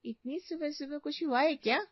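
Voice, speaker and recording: A woman's voice: high-pitched, normal speed, dry recording, highs cut off, voice pushed up, natural voice. A woman voicing a polite young neighbor in a cartoon story, innocent and bewildered.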